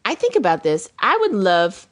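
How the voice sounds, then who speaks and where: A woman's voice: mid-range voice, moderate pace. A woman co-hosting a podcast, rambling in casual chat about TV shows with dramatic asides. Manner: animated, rambling, dramatic impressions. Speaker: podcast co-host.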